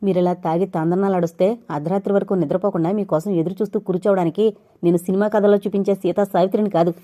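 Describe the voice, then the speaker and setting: A woman voicing a shrill, tearful young wife. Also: fairly even intonation, fast talker, warm tone, close to an everyday voice. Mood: angry, tearful. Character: bitter young wife, mother of four.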